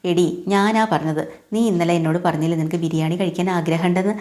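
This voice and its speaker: A woman's voice: lowish voice, steady tone, fast talker, darkish tone, close to an everyday voice. A woman voicing a bossy but doting older woman who runs the house.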